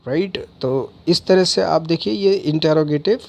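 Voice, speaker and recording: Male grammar teacher, a bit high, slow and deliberate delivery. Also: vocal fry. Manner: slow, dictation-like reading of example sentences. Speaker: English teacher. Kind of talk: explaining English grammar in Hindi.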